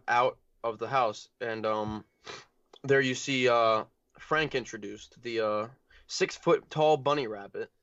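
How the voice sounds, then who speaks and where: A man's voice: mid-range voice, a bit bright, no echo. A man co-hosting a casual film review podcast, with dry, wry retorts. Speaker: podcast co-host. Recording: dull, dry lo-fi mic.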